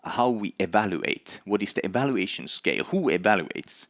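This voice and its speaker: Speaking at a conference hall, a middle-aged man from Finland presents earnestly in a Finnish accent, filling his talk with frequent "uh" hesitations and repeated words. His fairly low voice has lively intonation at normal speed, with clean studio sound and no echo.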